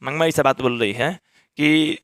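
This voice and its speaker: A man's voice: medium pitch, moderate pace, a bit bright, no echo, clean studio sound. A male teacher, explaining a story in a lesson and acting out the characters' lines in a raised voice.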